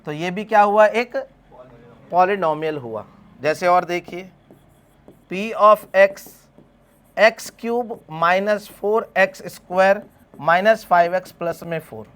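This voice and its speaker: A man's voice: high voice, a little slow, long pauses, fairly bright tone. A math teacher, lecturing a class. He keeps asking his students questions and answers them himself, calling them beta as he talks them through each step.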